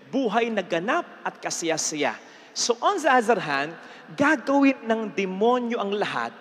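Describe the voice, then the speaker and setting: A young Filipino priest giving an animated homily on a handheld mic in a large church, mixing English phrases in and slowing down to stress key lines. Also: male voice, high voice, big-room sound. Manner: animated, gesturing with raised arm. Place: large church sanctuary before an altar.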